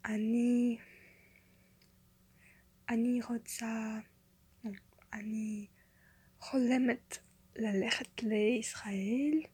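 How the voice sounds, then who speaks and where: Halting, breathy young woman with foreign accent. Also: a little high, steady tone, darkish tone, no echo. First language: not a native Hebrew speaker. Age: young adult. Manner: halting, hesitant, searching for words. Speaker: language learner, university student. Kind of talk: simple self-introduction in a learned language.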